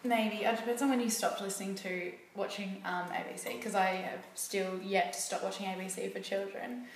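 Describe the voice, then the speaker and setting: A woman's voice: mid-range voice, little pitch movement, normal speed, a little hiss or hum. A young woman chatting casually and jokingly with a friend. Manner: playful, jokey, puts on silly voices. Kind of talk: casual chat. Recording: very echoey room, from a distance.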